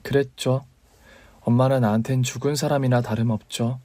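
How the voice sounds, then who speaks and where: A man voicing a grieving young wife in a story radio drama, speaking gently and quietly. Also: medium pitch, fairly even intonation, normal speed, dry recording, natural voice. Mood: bitter.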